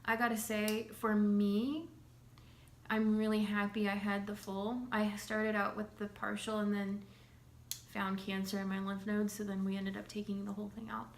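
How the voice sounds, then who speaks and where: In a mid-range monotone at normal speed, a young vlogger talks to camera about recovering from a slight cold. The update is casual and meandering, packed with fillers and throat-clearing, and the echoey room carries a faint hum.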